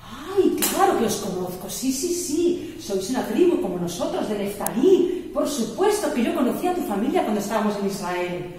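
A woman's voice: a little high, sing-song, normal speed, dark tone, slight background noise. A woman teaching a Bible class, voicing a blind elderly father who questions a stranger fondly but warily, heard from far off in an echoey church hall. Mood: delighted. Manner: fond, testing questions.

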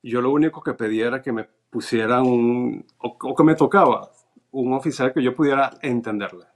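A Venezuelan man, an interview guest, tells a story in casual conversation, reading notes aloud as he recounts events step by step. His mid-range voice moves fairly quickly.

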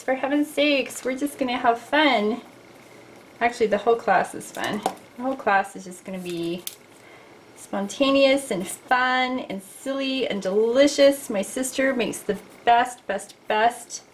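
A woman's voice: fairly high pitch, a little hiss or hum. A middle-aged woman teaching a casual drawing lesson, chatty and playful, talking to her viewers as she sketches at a desk. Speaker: art teacher.

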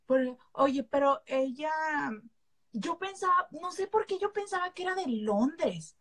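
Playful high-voiced woman. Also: lively intonation, a little slow, a bit bright. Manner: playful, laughing, teasing. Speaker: guest on book channel. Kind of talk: casual chat.

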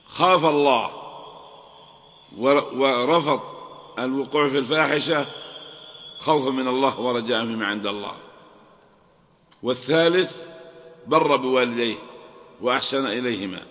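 A man's voice: medium pitch, moderate pace, pauses often, fairly bright tone. A man preaching a sermon in a large mosque, repeating phrases, asking rhetorical questions and chanting Quran verses. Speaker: preacher giving a Ramadan lecture. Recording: long echo of a large mosque.

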